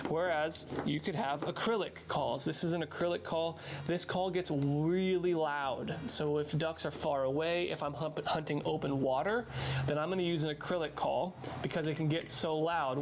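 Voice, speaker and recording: A man in his thirties explaining things in a casual, informal, plain-spoken how-to style, sometimes repeating words for emphasis. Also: fairly high pitch. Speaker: instructor, duck hunter. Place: outdoor covered patio at night. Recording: clear outdoor background noise.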